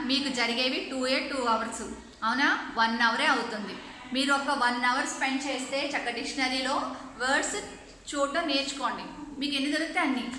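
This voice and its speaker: A woman's voice: sits high, pushed and bright, very echoey, a little hiss or hum. A woman English teacher giving an online lesson, spelling words letter by letter and explaining them patiently, often checking whether the class has understood. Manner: mixes English words into her teaching, asks the class questions.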